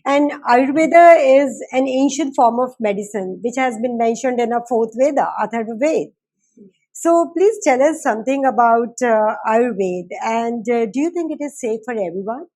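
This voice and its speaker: A woman with an Indian accent, hosting a formal interview in deliberate, measured phrases. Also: fairly high pitch, mellow. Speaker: talk show host.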